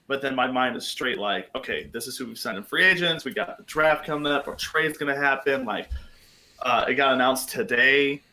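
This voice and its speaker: A man co-hosting a sports podcast, talking in a chatty, excitable way with many fillers. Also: medium pitch, normal speed, poor audio. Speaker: podcast co-host. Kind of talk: casual sports chat.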